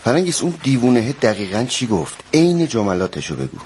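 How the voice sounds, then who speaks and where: A man's voice: medium pitch, very animated, a little mellow, slight background noise, lightly acted. An actor playing a concerned male friend in a radio drama, asking short probing questions.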